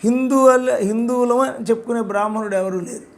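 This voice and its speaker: Older man, high-pitched, gravelly, emphatic repetitive lecture. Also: fairly quick. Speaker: author discussing his book. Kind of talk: spoken lecture.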